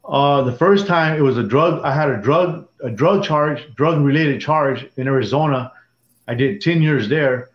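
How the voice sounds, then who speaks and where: In an echoey room with dull, lo-fi sound, a halting Dallas, Texas man in his sixties recounts his life story for an interview. He's a former prison gang member whose voice runs on the high side, and his storytelling rambles with many restarts.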